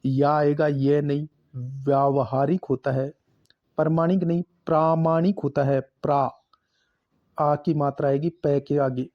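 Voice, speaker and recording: Slow, dull-sounding male teacher. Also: mid-range voice. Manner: slow, repeats each word and marks it correct. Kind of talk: exam-prep grammar lesson.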